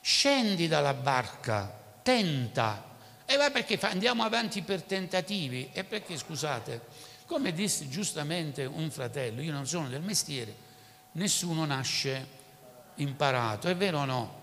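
Animated preacher in a reverberant hall. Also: male voice, a little high, moderate pace, gravelly. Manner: animated, rhetorical questions to the congregation. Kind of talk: sermon.

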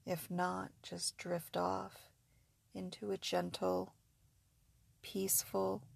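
A woman's voice: on the low side, monotone, takes it slowly, creaky, slightly rough, no echo. A woman narrating guided sleep hypnosis like a sleep story narrator, in a soothing, repetitive, suggestive way.

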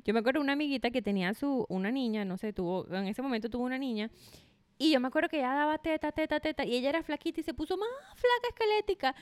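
Fast-talking mom in her 30s, expressive, laughs a lot, highish voice, dry sound. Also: clean tone, no room sound. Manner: lively, expressive, laughs often. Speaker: podcast co-host. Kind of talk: casual chat.

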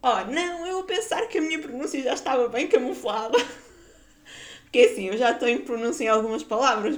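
A woman's voice: mid-range voice, a little hiss or hum. A young woman from Guarda with a Portuguese accent from that region, telling a casual personal story in a chatty way, laughing often and using many fillers. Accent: European Portuguese, Guarda region. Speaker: podcaster.

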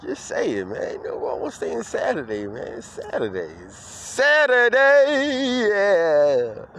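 A man hosting his own podcast outdoors, playing a loud, upbeat morning-radio host who stretches out words and laughs. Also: mid-range voice, a little hiss or hum. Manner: hype-man energy, drawn-out shouted words, laughing. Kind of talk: playful mock morning-radio show. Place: outdoors in the street.

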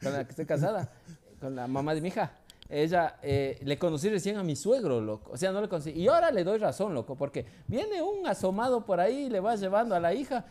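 Animated man telling stories. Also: sits high, fast talker. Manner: storytelling, swears freely, laughs often, says "loco". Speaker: podcast co-host. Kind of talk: casual comedic chat.

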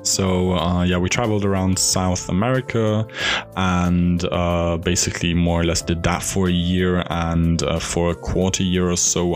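Young german guy, native german speaker, deep low voice, rambly podcast host, lots of ums and restarts. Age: 20s. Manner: rambling, with many fillers, restarts and self-corrections. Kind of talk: casual solo podcast monologue.

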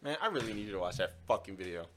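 A man's voice: low-pitched, animated, rapid-fire, fairly bright tone, slight background noise. A man bantering casually about games as a podcast co-host, with a slangy, teasing, emphatic frat-bro way of talking.

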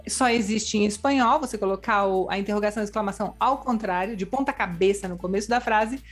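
A woman's voice: mid-range voice, quick pace, soft background music. A woman explaining language points in casual chat, with frequent tag questions and worked examples. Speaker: Spanish language teacher.

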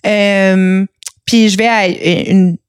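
A woman's voice: medium pitch, steady tone, very slow, clear, resonant tone, no echo, studio quality. A young woman, chatting candidly on a podcast about her own past and laughing as she tells it. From Canada. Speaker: podcast guest. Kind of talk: casual podcast chat.

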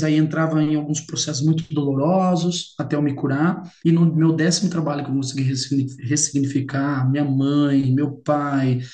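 A man's voice: a little high, darkish tone. A Brazilian man telling his personal story as an interview guest, heartfelt and repeating words for emphasis. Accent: Brazilian Portuguese. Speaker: guest sharing his experience. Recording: roomy echo.

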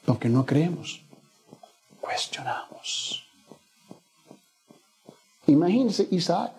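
A man's voice: on the high side, expressive, moderate pace, dark tone, slight background noise. A man preaching a sermon as pastor, telling a story with acted-out lines and building to emphatic peaks. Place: church.

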